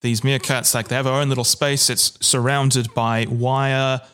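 A man's voice: medium pitch, little pitch movement, measured pace, fairly bright tone, clear, resonant tone. A man co-hosting a podcast, telling a story in casual chat with dry, self-deprecating humor. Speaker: podcast co-host.

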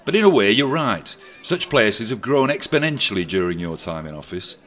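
Man doing a solemn ghost, dry and reproachful, bright tone, lively delivery. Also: medium pitch, normal speed. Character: solemn sarcastic male Christmas spirit.

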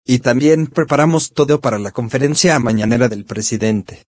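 Synthetic male narrator, medium pitch, measured scripted diary delivery, very dry close sound. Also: dry recording. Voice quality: synthetic text-to-speech voice. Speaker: columnist narrating his weekly diary. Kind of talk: scripted first-person narration.

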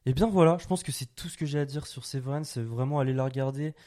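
Male podcast co-host, mid pitch, relaxed, trails off, dry humour. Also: fast. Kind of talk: casual film chat.

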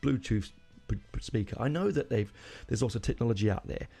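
Man, middle-aged, podcast host, solo monologue, gravelly fry, rambling opinions, faint music underneath. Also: mid-range voice, lively intonation, brisk, mellow. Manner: rambling, self-correcting, opinionated.

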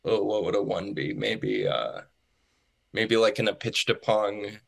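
Man, podcast guest, low voice, gravelly, casual rambling chat, frequent laughter, remote call, faint music behind. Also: sing-song, unhurried. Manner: rambling, laughs often, many fillers. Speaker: podcast guest, comedian and filmmaker. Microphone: remote call recording.

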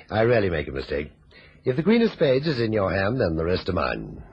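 A man's voice: low-pitched, wildly swooping pitch, brisk, a little mellow, slightly rough, heavily acted. An actor playing a confident male investigator at a bridge table in a vintage radio drama. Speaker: narrator. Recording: dull lo-fi old radio recording.

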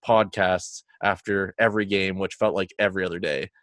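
A man's voice: sits low, fairly even intonation, brisk, a bit bright, no room sound, studio quality. A young man, chatting as a guest with lots of ums and uhs. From Canada. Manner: hesitant, many fillers. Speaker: guest podcaster. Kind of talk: casual interview chat.

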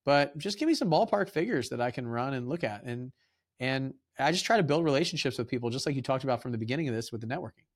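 A man hosting a podcast, talking in a relaxed, rambling way and acting out his conversations with tradesmen. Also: mid-range voice, quick pace. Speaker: podcast host. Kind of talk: casual interview chat.

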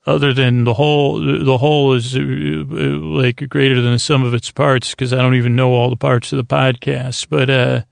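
To help listeners drift off, this podcast host delivers a meandering bedtime monologue in a soothing, lulling tone. His mid-range voice is strongly creaky and gravelly, with a flat delivery, and he halts, doubles back and leaves sentences unfinished. There's no echo in the dry recording.

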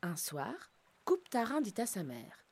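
A woman narrating a children's storybook in an expressive, lively manner. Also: mid-range voice, a little slow, breathy edge.

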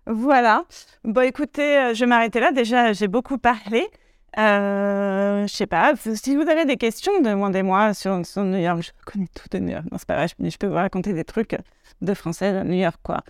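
A woman's voice: medium pitch, fairly quick, clean tone, dry recording, clean studio sound. A woman hosting her podcast in a casual, chatty monologue, full of fillers and little laughs. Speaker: podcast host.

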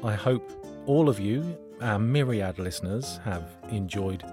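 A man's voice: fairly low pitch, expressive, unhurried, over music. A man co-hosting a casual podcast chat, playful, with chuckling asides. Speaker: podcast co-host.

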